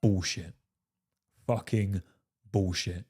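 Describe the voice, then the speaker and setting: A man's voice: deep voice, steady tone, slow, warm tone, slightly rough. A man giving dating advice straight to camera, emphatic, often saying "fellas" and "right?" and swearing for emphasis. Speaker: dating coach. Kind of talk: direct-to-camera advice monologue.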